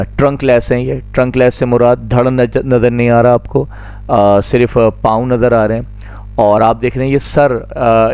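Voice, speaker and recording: A middle-aged male teacher works through a poem for his class, patient and repetitive, asking questions and answering them himself. His voice is mellow and warm, recorded dry and close. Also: mid-range voice, clean tone, no echo. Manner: patient, repeats points, asks and answers his own questions. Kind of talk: classroom lecture explaining a poem.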